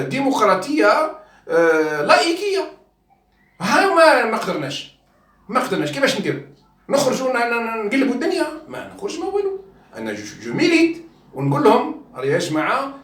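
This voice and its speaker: A man's voice: sits high, fairly bright tone, reverberant, distant mic. A man journalist with an Algerian Arabic accent gives impassioned video commentary, appealing to viewers, swearing oaths and stumbling over repeated words.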